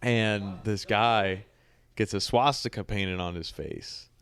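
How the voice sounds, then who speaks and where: A man's voice: on the low side, slow, a bit bright, smooth. A man hosting a casual podcast, telling a rambling story with lots of fillers. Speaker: podcast host.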